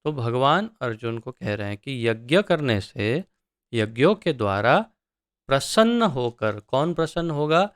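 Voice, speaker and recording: A middle-aged man gives a verse-by-verse scripture lesson. His voice is smooth and resonant, and he moves at a very slow, deliberate pace. He chants each line, then unpacks it word by word with unhurried pauses. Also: medium pitch, big pitch swings, no echo, clean studio sound. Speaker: scripture teacher.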